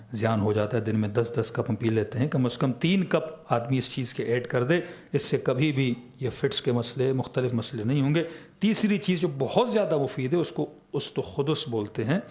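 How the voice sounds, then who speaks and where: A man's voice: mid-range voice, a little mellow. A man with a Pakistani Urdu accent giving a religious lecture as a cleric, who often asks a question and then answers it himself. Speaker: Shia cleric.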